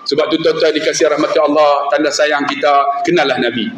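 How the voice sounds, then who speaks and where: A man preaches in a mosque, telling stories with lively acted voices. His voice sits high. The sound is roomy and echoey, with a faint hum behind it. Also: fairly quick. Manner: animated storyteller who acts out voices. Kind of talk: mosque lecture with storytelling. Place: mosque hall.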